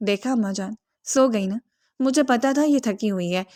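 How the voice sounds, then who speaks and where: A woman voicing a caring, gently teasing middle-aged mother in a read-aloud romance story. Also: on the high side, lightly acted.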